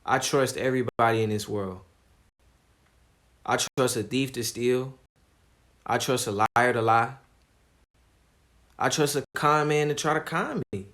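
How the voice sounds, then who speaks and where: A man streaming live, talking casually in a calm, laid-back way with plenty of slang. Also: mid-range voice, unhurried, pauses often. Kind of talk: casual livestream commentary.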